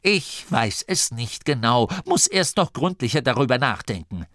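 A man's voice: mid-range voice, sing-song, normal speed, fairly bright tone, no echo, studio quality. A man voicing Gurda, a cautious male nome who speaks hesitantly and thinks aloud. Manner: hesitant, musing.

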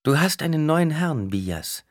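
A man's voice: on the high side, sing-song, measured pace, dry recording, studio quality, pitched above the performer's own voice. Storybook woman, stern and wary, lifted voice, read by a man. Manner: sharp, worried.

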